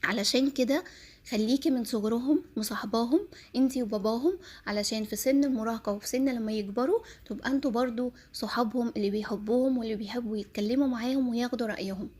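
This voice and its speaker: Fast-talking Egyptian woman with husky voice. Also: fairly high pitch, darkish tone. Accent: Egyptian Arabic. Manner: earnest, advising, addresses mothers directly. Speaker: parenting advice presenter. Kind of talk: parenting advice talk to mothers.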